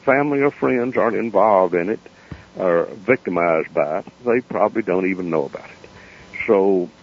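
A man with an Appalachian accent telling stories off the cuff as a radio interview guest, folksy, plain-spoken and unhurried. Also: low-pitched, a little hiss or hum. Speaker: interview guest, founder of a foundation. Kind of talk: unscripted storytelling in a radio interview. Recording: dull lo-fi radio interview sound.

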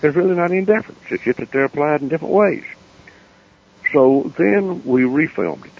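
A man with an Appalachian accent telling stories off the cuff as a radio interview guest, folksy, plain-spoken and unhurried. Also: fairly high pitch, animated, vocal fry, slightly rough. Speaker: interview guest, founder of a foundation. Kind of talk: unscripted storytelling in a radio interview. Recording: dull lo-fi radio interview sound.

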